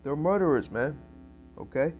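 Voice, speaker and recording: A man's voice: fairly high pitch, lively intonation, normal speed, phone-quality sound, soft background music. A man preaching in casual street style, reading scripture aloud and tagging lines with "okay?" and "man". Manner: fills with "man" and "okay?", reads verses louder.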